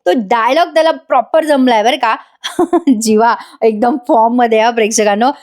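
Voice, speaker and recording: A woman's voice: a little high, moderate pace, darkish tone. A woman giving a chatty, playful voice-over recap of a television serial, talking to her viewers and laughing often. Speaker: serial reviewer.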